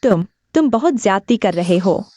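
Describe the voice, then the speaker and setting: A woman dubbing a worried middle-aged mother who pleads anxiously, with soft music behind. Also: mid-range voice, animated, moderate pace, natural voice. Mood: indignant.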